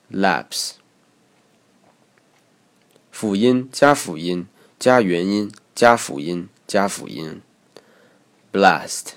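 A man narrating a scripted lesson as an English teacher, explaining calmly and reading example words aloud. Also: low-pitched, gravelly.

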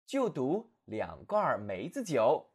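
A man voicing an arrogant male hare who fancies himself a gentleman, talking in a haughty, sneering way in a storybook reading. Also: medium pitch, wildly swooping pitch, takes it slowly, breathy edge, exaggerated voice. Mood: smug. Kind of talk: storybook narration.

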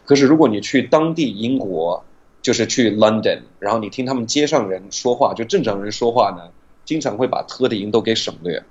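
Husky-voiced man explaining pronunciation. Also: fairly low pitch, lively intonation, a little mellow, dull audio. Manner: patient, demonstrates sounds slowly. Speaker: guest, pronunciation teacher.

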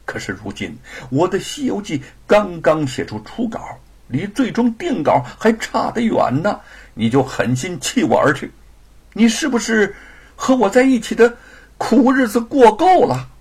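A man's voice: high-pitched, big pitch swings, a little slow, a little mellow, slightly rough, pitched above the performer's own voice, exaggerated voice. A man voicing a passionate scholar husband in an audiobook, dramatic and teasing. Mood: stern teasing. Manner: dramatic, swings from pleading to stern.

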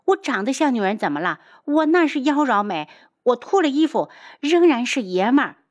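A shrill, hot-tempered pretty young man, as a woman puts him on. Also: normal speed, close to an everyday voice. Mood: furious. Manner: shouting insults, high and agitated.

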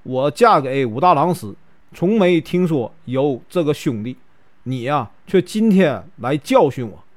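A man voicing a proud, sharp-tongued young woman who scolds in a raised voice. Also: a little high, sing-song, a little slow. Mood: scolding.

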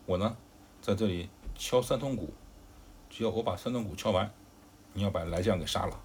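A man voicing a hot-tempered male general who shouts blustering accusations in a storybook retelling. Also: lowish voice, brisk, a little hiss or hum, natural voice. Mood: angry.

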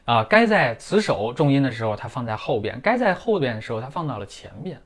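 A middle-aged man, a native Chinese speaker, teaching German pronunciation in a clear, methodical lesson full of everyday comparisons. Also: medium pitch, sing-song, a little fast, fairly bright tone. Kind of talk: scripted lesson in Mandarin.

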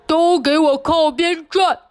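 Storybook: woman voicing pushy elephant, slow, loud, high-pitched. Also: steady tone, soft background music. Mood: bossy. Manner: slow, shouting demands. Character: loud bossy male elephant. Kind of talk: storybook reading.

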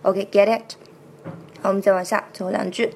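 A woman teaching how to sing a song, explaining sounds in detail and repeating each word slowly several times to demonstrate. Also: mid-range voice, flat delivery, vocal fry, a little hiss or hum. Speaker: singing and pronunciation teacher. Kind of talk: step-by-step song pronunciation lesson.

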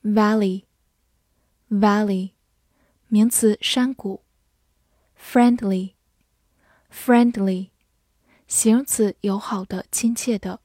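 A woman teacher reading out an English word list, saying each word twice and giving its meanings in an even recitation. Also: mid-range voice, very slow, long pauses, dry recording. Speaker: vocabulary teacher.

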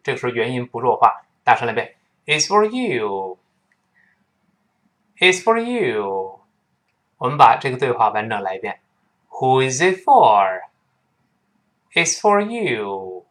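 A man speaks Mandarin Chinese while teaching English pronunciation. His pitch swings about in a lively, animated way. He reads each phrase slowly and repeats it for his students to copy.

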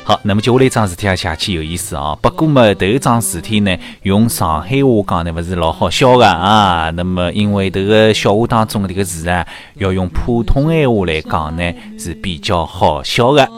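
A man's voice: deep voice, fairly quick, few pauses, faint music behind. A man with a Shanghainese accent hosting a joke-telling show, mixing Shanghainese and Mandarin and laughing at his own punchlines. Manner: lively, switches between Shanghainese and Mandarin, laughs at own jokes. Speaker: radio-style comedy host.

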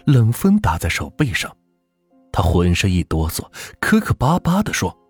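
A man narrating a folk ghost story as the channel's host, in a dramatic, lively storytelling manner. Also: sits low, normal speed, husky, dry recording, faint music behind.

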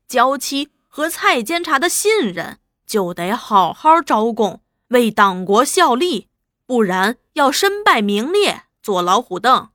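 A smooth-talking male official coaxes in an oily, persuasive voice, as a woman reads him in an audiobook. The tone is bright and animated, recorded dry and close. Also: a little high, no echo. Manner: coaxing, persuasive.

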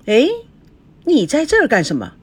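A betrayed young wife, voiced by a woman reading the story, lashes out in a high, shrill and accusing voice. Her pitch leaps around wildly. The tone stays somewhat husky and breathy. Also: huge pitch swings, normal speed, full character voice. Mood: sarcastic.

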